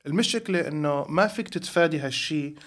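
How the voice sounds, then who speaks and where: A man's voice: fairly high pitch, fast. A man with a Levantine Arabic accent chatting casually and bluntly as a podcast co-host, telling stories and dropping in some English. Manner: animated storytelling, mixing in some English. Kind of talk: casual opinionated chat.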